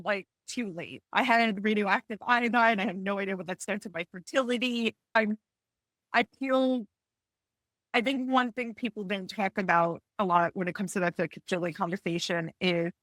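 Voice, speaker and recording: A woman in her forties sharing a personal story on a panel, tearful and halting, with frequent restarts and apologies. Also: mid-range voice, fairly bright tone, no room sound. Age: 40s. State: tearful, close to crying. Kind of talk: emotional personal testimony on a panel.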